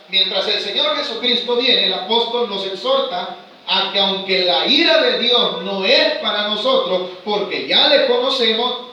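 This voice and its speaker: A high, bright male preacher teaching a Bible study, who keeps questioning his congregation and slows down to read scripture. He is recorded from a distance in a very echoey church hall with a faint hiss underneath. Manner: asks the congregation rhetorical questions, slows to read verses aloud. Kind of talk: sermon-style Bible study.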